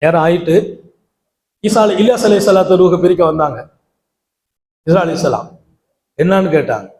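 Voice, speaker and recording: Male preacher, high voice, sermon delivery that rises to shouts, roomy echo. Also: normal speed. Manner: swings from quiet storytelling to high shouted exclamations. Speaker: Islamic preacher.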